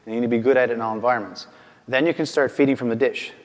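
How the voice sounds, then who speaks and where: A man's voice: mid-range voice, fairly even intonation, very fast, big-room sound. A male dog trainer giving a casual instructional demonstration, often checking in with "okay?" and "right?", and calling out firm short commands to his dog.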